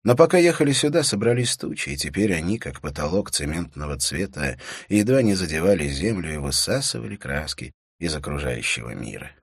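A male narrator reads a novel in a very deep, low voice. His pace is measured and steady, and the recording is dry and close with no room sound. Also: slightly rough, no room sound. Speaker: audiobook narrator. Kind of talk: scripted narration of a crime novel.

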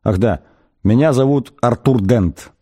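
A man voicing a bewildered, flustered ordinary man in an audiobook, asking quick puzzled questions. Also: mid-range voice, warm tone, husky, voice pushed up. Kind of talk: audiobook character voice.

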